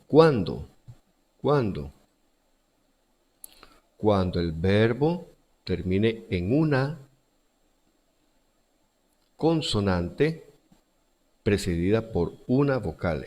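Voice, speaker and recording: A man from Central America gives schoolchildren a recorded grammar lesson, repeating every example word and rule. His voice is lowish and a little mellow.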